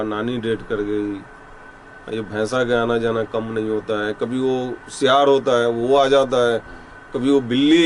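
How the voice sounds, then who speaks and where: A man narrating a first-person ghost story in a rustic, halting storytelling manner, his voice often dropping low and hushed. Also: a little hiss or hum. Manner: rustic storytelling, many pauses, some quoted lines spoken low and hushed.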